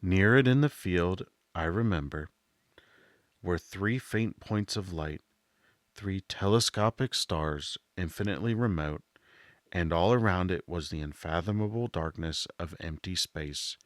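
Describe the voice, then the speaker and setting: A man narrating a literary audiobook in a soft voice, with a measured, deliberate delivery. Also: low voice, no room sound, clean studio sound.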